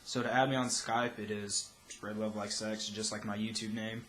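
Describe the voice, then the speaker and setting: A man's voice: fairly low pitch, flat delivery, normal speed, fairly bright tone. A young man giving a casual, loosely rambling tutorial as a vocal instructor. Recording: roomy echo, faint background noise.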